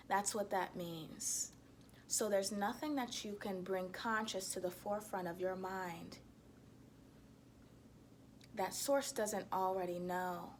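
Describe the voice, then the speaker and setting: A woman giving a reflective self-help monologue to viewers, speaking in a deliberate, halting way with emphatic repetition. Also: fairly low pitch, a little hiss or hum.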